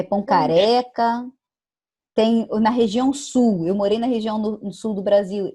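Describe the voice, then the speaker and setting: A woman from Brazil teaches an online class at a steady middle pitch. She explains each point patiently and keeps checking that her students are following. Now and then she acts out a sample phrase. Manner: explanatory, checks understanding with "tá bom?" and "né?"; acts out regional phrases in quoted voices.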